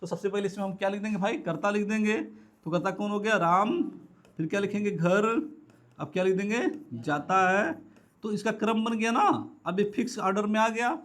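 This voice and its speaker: A man's voice: high-pitched, a little fast, a bit bright. A man teaching a grammar lesson to students in a classroom lecture, who asks and answers his own questions and repeats the key words. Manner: calls students "beta". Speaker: English teacher.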